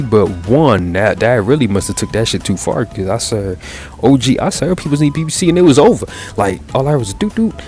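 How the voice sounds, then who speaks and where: A young man, telling a rambling, profane, animated story in casual chat, full of fillers and restarts. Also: fairly low pitch. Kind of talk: casual story time over gameplay.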